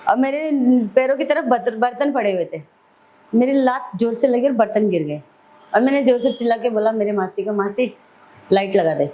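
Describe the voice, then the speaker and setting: A woman's voice: fairly high pitch, a little fast, mellow, slight background noise, rough recording. A middle-aged woman, a podcast guest telling her life story vividly. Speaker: celebrity hair stylist, podcast guest. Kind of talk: personal storytelling in an interview.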